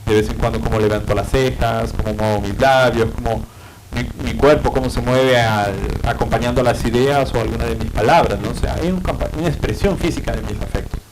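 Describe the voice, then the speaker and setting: A man with a Peruvian Spanish accent delivers a university lecture at a middle pitch. He explains patiently, padding his points with fillers and tag questions. Clear background noise runs under the recording. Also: fairly quick. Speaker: psychiatry lecturer.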